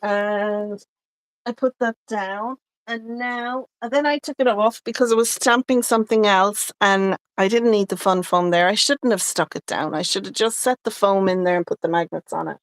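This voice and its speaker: Speaking at normal speed in a mid-range voice, a woman co-hosting a live crafting stream talks casually through every step of her work. There is no room sound.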